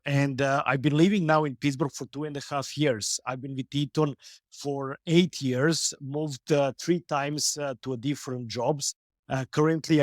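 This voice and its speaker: Give me a middle-aged man answering calmly, with a mid-pitched voice and a dry, close sound. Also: dry recording. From Serbia. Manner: measured, with frequent "uh" hesitations. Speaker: business executive guest. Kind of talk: interview answers.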